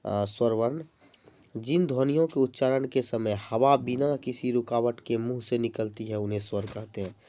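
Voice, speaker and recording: A man's voice: mid-range voice, normal speed, mellow. A man teaching an exam-prep grammar lesson, explaining definitions step by step with examples. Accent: Bihari-tinged Hindi.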